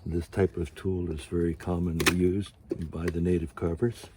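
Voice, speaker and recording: A man in his sixties with a very low voice talks through a hands-on demonstration in an informal vlog style. He explains things in an unhurried, halting manner and drifts into asides. There is clear background noise around him, as in an outdoor canopy workshop. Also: little pitch movement. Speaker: ventriloquist and puppet carver. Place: outdoor canopy tent used as carving workshop.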